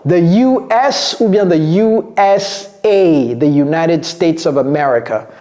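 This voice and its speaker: A man teaching English in French as an online coach, playful and lively, switching between languages. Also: fairly high pitch, takes it slowly.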